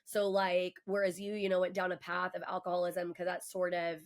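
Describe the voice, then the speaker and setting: A mortgage professional in her forties guests on a casual podcast, recounting her own story candidly, emphatically and with passion. Her voice is fairly low and monotone, and she talks a little fast.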